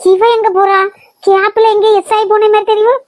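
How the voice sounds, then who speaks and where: Brief: a woman plays a melodramatic Kanyakumari mom in a cartoon, very high, scolding. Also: little pitch movement, moderate pace, dry recording. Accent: Kanyakumari Tamil. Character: fussy middle-aged mother, nagging. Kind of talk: cartoon voice acting.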